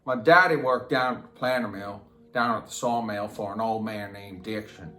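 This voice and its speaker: An actor's lowish voice, bright and forceful, carries a film monologue as a plain, slow-witted rural Southern man confesses matter-of-factly. His drawl is halting and repetitive, set against a roomy echo with music beneath it.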